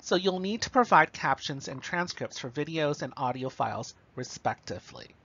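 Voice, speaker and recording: A man's voice: fairly high pitch, animated, normal speed, sharp tone, dull audio. A man giving a recorded lecture, explaining step by step and checking in with the listener. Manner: explanatory, checks in with okay and right.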